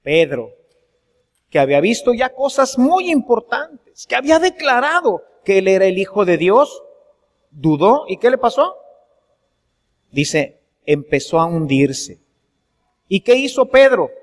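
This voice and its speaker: Priest, high tenor, earnest sermon with questions to the flock, long church reverb. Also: male voice, sing-song, unhurried, pauses often. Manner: earnest preaching with rhetorical questions to the congregation.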